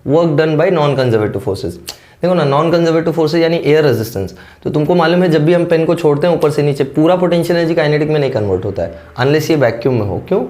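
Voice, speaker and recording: Hoarse male physics teacher, mellow voice. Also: a little high, lively intonation, brisk. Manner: explains step by step, keeps checking understanding with "correct?". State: sore throat, clearing it now and then. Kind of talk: classroom-style lecture, Hindi mixed with English terms.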